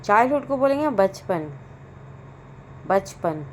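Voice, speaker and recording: A woman teaching English vocabulary, saying each word and its meaning twice in a slow, deliberate drill. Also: medium pitch, animated, slight background noise.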